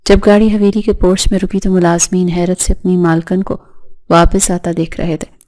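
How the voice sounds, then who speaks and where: A woman narrating a romantic novel in a steady, even reading. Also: lowish voice.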